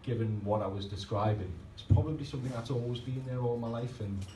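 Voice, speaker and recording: A warm, mid-range voice moves at a quick pace over slight background noise as a man in his 30s performs at a poetry night. He delivers rhymed spoken-word pieces rhythmically and wanders loosely between them with self-mocking remarks, all caught in a distant, roomy live recording of a pub function room with faint ambience.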